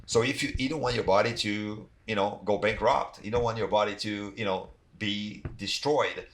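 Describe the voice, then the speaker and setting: As a podcast guest, a middle-aged athletic trainer from Brazil speaks English in a Brazilian accent, his first language being Portuguese. He chats casually and rambles, using many "you know, like" fillers, in a voice on the low side at normal speed, with slight background noise.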